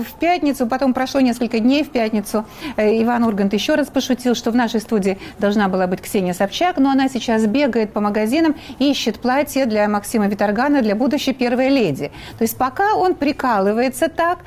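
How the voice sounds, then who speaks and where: A woman hosting a talk show, setting up a clip and questioning her guest in a measured, deliberate way. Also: a little high, darkish tone. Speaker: host. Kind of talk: studio talk show moderating.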